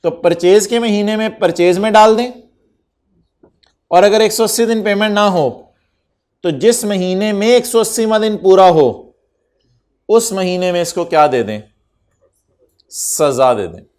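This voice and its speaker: A man's voice: high-pitched, a little slow, long pauses, darkish tone. A man lecturing an accountancy class, teasing his students and dropping English terms into his explanation. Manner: code-switches into English terms.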